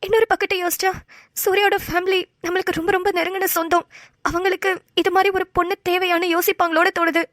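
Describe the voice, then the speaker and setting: Woman voicing a fretful young woman, very high voice. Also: flat delivery, quick pace, a bit bright, no room sound, clean studio sound. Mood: worried. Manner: fretful, thinking aloud. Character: anxious young woman, worried and confused. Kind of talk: amateur cartoon voice acting.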